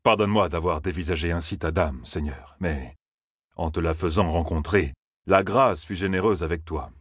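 A man playing a flattering, calculating army captain who talks in a smooth, courteous and probing way, in an audiobook. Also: sits low, normal speed, no room sound, clean studio sound.

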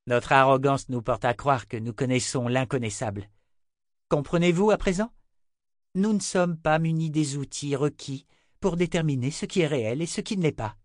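A man's voice: a little high, no echo, studio quality, pitched above the performer's own voice, natural voice. A man reading an audiobook voices a strange, earnest young man who pleads and lectures. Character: strange, fervent young man, anxious and preachy.

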